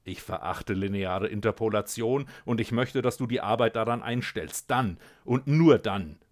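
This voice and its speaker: A man voicing a grumpy, calm female cat in a storybook reading, speaking in a measured way. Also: on the low side, close to an everyday voice. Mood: cool.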